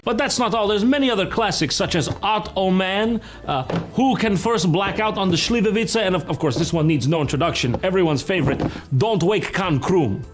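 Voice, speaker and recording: A man voicing a boastful, deadpan foreign man who solemnly presents his favourite games. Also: sits high, fairly quick, noisy background, natural voice. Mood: mock-solemn.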